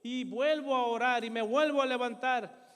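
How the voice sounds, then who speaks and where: An older pastor preaches with a high voice, his words ringing through a reverberant church hall. He tells a personal story earnestly and with feeling, turning again and again to his congregation as brothers. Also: moderate pace, fairly bright tone, clean tone. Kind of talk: sermon with personal testimony.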